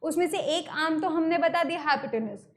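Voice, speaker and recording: Her voice is very high and her pace moderate as she, an Indian woman, gives a math lesson online. Key terms come up again and again in her step-by-step explanation, which blends Hindi with English terms.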